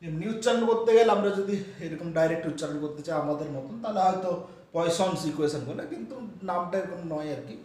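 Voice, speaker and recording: A man with a high, slightly mellow voice gives a physics lecture, working through each step with lots of fillers and checks for understanding. The recording is distant and echoey, as in a classroom.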